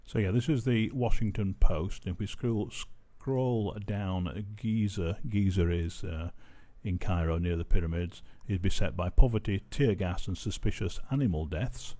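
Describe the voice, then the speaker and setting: A man's voice: sits low, measured pace, hardly any pauses, dark tone. A man giving casual commentary as a vlogger, amused and often breaking into laughter while he reads out a news article.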